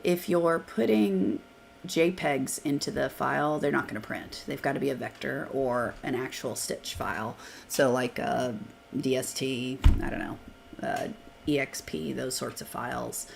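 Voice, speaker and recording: A sick software trainer with a very low, gravelly, hoarse voice hosts a live Q&A, talking casually and thinking aloud as she clicks through screens. She takes her time, and a faint hiss from her computer mic sits underneath.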